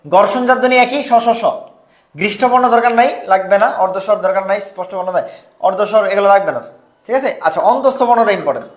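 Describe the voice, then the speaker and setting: A man's voice: high-pitched, quick pace, roomy sound. A man tutoring students for a university entrance exam, drilling answers over and over and quizzing them. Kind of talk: online exam-prep lesson.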